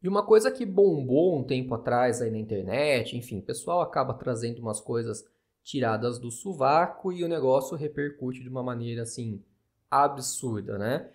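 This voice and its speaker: A man with a Brazilian Portuguese accent talks casually as an astrologer hosting his own podcast. He has a gravelly, mid-pitched voice. He explains points in a chatty, skeptical manner, often checking in with the listener. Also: lively intonation, normal speed. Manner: chatty, skeptical, with frequent tag questions.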